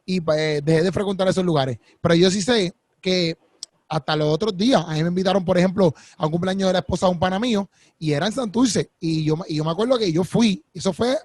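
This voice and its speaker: A man telling a story as a podcast co-host, animated and restarting his phrases often. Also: high voice, fast, dry recording. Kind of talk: casual podcast chat, storytelling.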